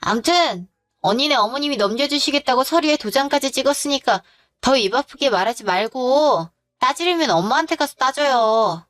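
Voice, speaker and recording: A woman's voice: high voice, expressive, moderate pace, fairly bright tone. A woman voicing a rude, arrogant young sister-in-law who talks with sneering contempt.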